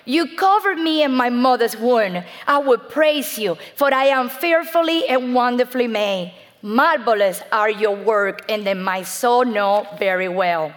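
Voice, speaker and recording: A middle-aged woman with a Cuban Spanish accent gives an earnest church testimony in a voice pitched a bit high. She reads scripture aloud and calls out to the congregation, and her voice rings with a long reverb from a large hall. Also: measured pace. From Cuba. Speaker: speaker giving her testimony.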